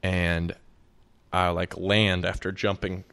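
A young man tells a story in a fairly low voice. He rambles along easily, packing his sentences with "like" and often breaking into laughter. He sounds like a podcast guest chatting informally. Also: level tone, slow, vocal fry, fairly bright tone, clear, resonant tone. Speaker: guest musician. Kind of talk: casual storytelling.

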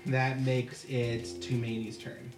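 A man running a tabletop game as game master, narrating in a relaxed, halting way with many fillers. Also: medium pitch, reverberant, music in the background.

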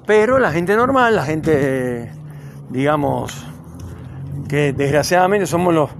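A man's voice: on the high side, expressive, slow, vocal fry, slight background noise. A man from Cuba hosting his own podcast, improvising a loose, rambling monologue while walking outdoors on a city street. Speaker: podcast host. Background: passing cars.

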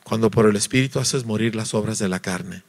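A man from Mexico, preaching a lively sermon, acting out voices and asking his listeners to agree. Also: fairly low pitch, a little fast, creaky. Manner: animated, acts out voices, sings notes, asks listeners "¿verdad?".

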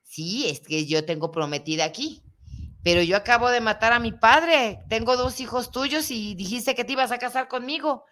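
A woman's voice: fairly high pitch, moderate pace, a bit bright, pitched above the performer's own voice, lightly acted. A woman voicing a scorned, defiant wife who speaks in an indignant, cutting way.

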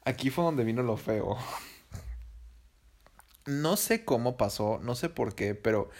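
A man's voice: mid-range voice, expressive, takes it slowly, darkish tone. A young man with a Mexican accent telling a personal story in a casual, slangy, profane and rambling way.

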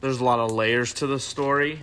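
A man's voice: medium pitch, steady tone, a little fast, a bit bright, slight background noise. A man who is a guest on a podcast, chatting casually about books and often restarting his sentences. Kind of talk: casual book chat.

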